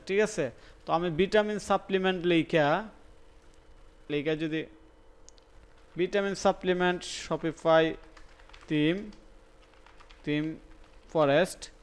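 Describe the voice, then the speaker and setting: A man's voice: sits high, slow pace, long pauses, smooth. A young man with a Sylheti-tinged Bangla accent teaching a live online class, thinking aloud, repeating words and checking that students follow. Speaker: instructor.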